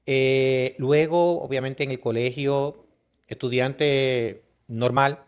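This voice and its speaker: Dominican man, interview guest, halting storyteller, mid pitch. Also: steady tone, smooth. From Dominican Republic. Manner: halting, frequent restarts and fillers. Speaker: guest, business consultant. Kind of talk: conversational storytelling.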